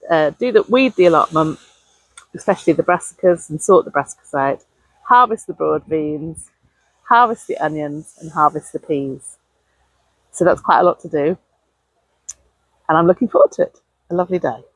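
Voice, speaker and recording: A woman's voice: low voice, lively intonation, normal speed, pauses often, no echo, poor audio. A woman talking casually and chattily outdoors, as if keeping a gardening video diary. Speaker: allotment gardening vlogger. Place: outdoors on an allotment.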